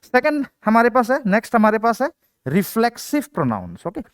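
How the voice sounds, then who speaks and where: A man giving an exam-prep English grammar lecture, asking questions and answering them himself, and reading English sentences out slowly. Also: very high voice, wildly swooping pitch, smooth, dry recording, clean studio sound. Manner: explains, then asks and answers his own questions.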